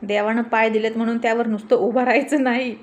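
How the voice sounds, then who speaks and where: A woman voicing a bossy, quick-witted village man who orders hotel staff around, scolding and teasing in a commanding tone. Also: a little high, fairly even intonation, lo-fi sound, natural voice. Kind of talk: storybook reading with character voices.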